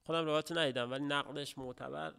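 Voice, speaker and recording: A middle-aged man giving a religious lecture, speaking haltingly with pauses and restarts, then rising to emphatic stresses. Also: fairly high pitch, fairly even intonation, creaky, pushed and bright, clear, resonant tone.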